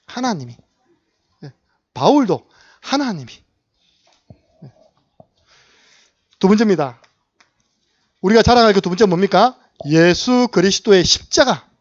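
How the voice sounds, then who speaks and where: A man's voice: sits high, big pitch swings, unhurried, pauses often, dry recording, dull audio. A male pastor preaching a sermon, asking the congregation questions and acting out short dialogues.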